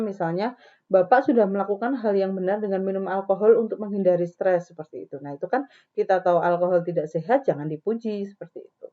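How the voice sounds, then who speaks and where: Woman lecturing over tinny, lo-fi audio. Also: on the low side. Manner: conversational, many fillers, acts out client dialogues. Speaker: nutrition lecturer. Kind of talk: recorded university lecture.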